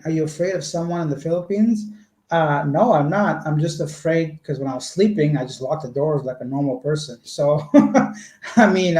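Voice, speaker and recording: A Canadian vlogger with a slightly high, darkish voice chats casually on a livestream from a room in his home. He answers viewer comments with long, rambling explanations, and the room sounds echoey.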